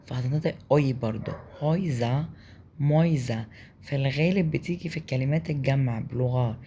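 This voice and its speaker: A man's voice: medium pitch, fairly quick, warm tone, a little hiss or hum. A man with an Egyptian Arabic accent teaching German pronunciation, patiently repeating each sound and checking in with his listeners. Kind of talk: explaining pronunciation in a lesson.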